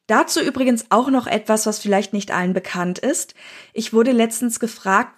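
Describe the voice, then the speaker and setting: Woman w hosting a podcast, mid pitched, reading off prepared notes. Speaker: podcast host. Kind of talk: scripted podcast presenting.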